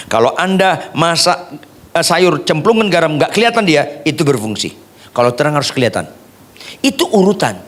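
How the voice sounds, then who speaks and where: Male pastor, lively humorous sermon delivery with wide swings in pitch.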